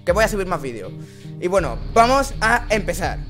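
Man, Spain accent, high reedy voice, bright cutting tone, horror game commentary, constant swearing, sudden screams. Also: very animated, a little fast, faint music behind. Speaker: gameplay commentator.

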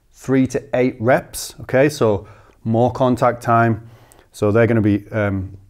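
A man in his thirties, a strength coach, explaining training methodically in an indoor gym. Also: medium pitch. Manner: steady, methodical listing of figures. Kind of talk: instructional explanation.

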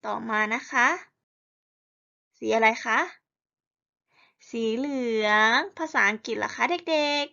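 High-pitched female teacher, slightly gravelly, lo-fi sound; reads to small kids with lots of call-and-response. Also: pushed and bright. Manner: slow, drawn-out call-and-response to children. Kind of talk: teaching young children.

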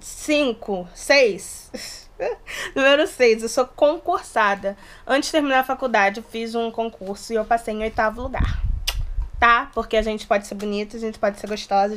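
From a small bedroom, a YouTuber in her late twenties chats casually to the camera set close in front, her voice on the high side at moderate pace. She's from Resende, inland Rio de Janeiro state, with a Brazilian accent combining Rio, São Paulo and Minas, and she's playful with animated gestures.

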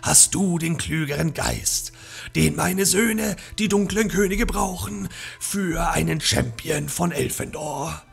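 A man's voice: on the high side, slow, creaky, husky, exaggerated voice. A man voicing a scheming old female shadow witch in a hissing whisper, read from a book in a game.

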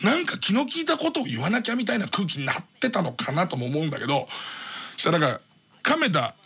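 A man's voice: high-pitched, sing-song, fast talker, a bit bright, slightly rough. A man in his thirties hosting late-night radio, telling a comic story in a rambling, self-mocking way and laughing as he talks. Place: radio studio. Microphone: studio microphone. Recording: old cassette or MD radio recording.

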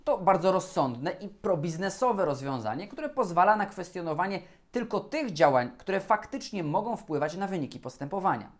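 A man, a lawyer, giving a scripted educational talk on procurement law in a formal, measured and deliberate way. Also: high-pitched, animated.

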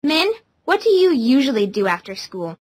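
A woman voicing a studious, polite schoolgirl in a scripted textbook listening dialogue, reading clearly. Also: sits high, very animated, normal speed, no room sound.

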